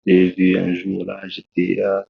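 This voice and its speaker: In a talk show interview, a guest preacher with a deep, gravelly voice shares his testimony in a monotone. He speaks slowly and haltingly, restarting again and again, and the sound is dull, lo-fi and dry, with no echo.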